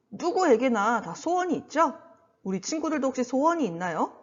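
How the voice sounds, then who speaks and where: Female children's preacher, highly animated theme-park-presenter delivery, sing-song, slightly muffled recording. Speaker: children's Sunday school preacher. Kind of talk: children's sermon.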